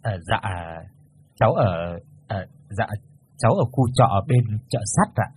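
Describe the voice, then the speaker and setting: A man voicing a humble, poor young man who stammers and hesitates, speaking softly and low. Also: sing-song, a little slow, slight background noise. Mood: timid.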